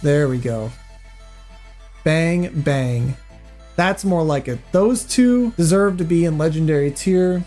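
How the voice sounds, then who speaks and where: A man giving casual voice-over commentary as he ranks his own gaming clips. He thinks aloud, gets excited and repeats himself. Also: a little high, slow. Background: faint game remix music.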